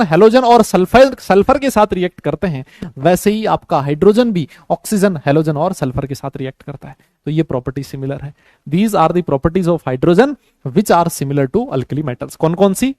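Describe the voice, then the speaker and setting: A man teaching a chemistry class online. He talks slowly and easily, mixes Hindi with English terms and keeps quizzing his students. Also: high-pitched, a little mellow, no room sound. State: has a headache.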